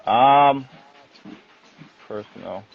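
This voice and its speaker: A man's voice: mid-range voice, drawn-out words, creaky. Guy talking on a thin phone line, casual interview chat, candid, swears a bit. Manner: candid, colloquial, occasional swearing. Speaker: interview guest, dog trainer.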